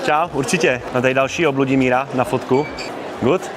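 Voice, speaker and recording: A young Czech-accented man streams live from a shopping mall, joking with fans in slangy, upbeat casual chat. His voice is mid-range with a steady tone, and the crowd and noise of the busy mall fill the background.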